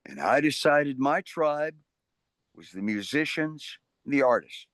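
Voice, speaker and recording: A man's voice: medium pitch, slow, no room sound. An older man, an interview guest, telling stories in a casual, rambling way and often restarting his sentences. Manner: rambling, restarts often, animated voices in anecdotes.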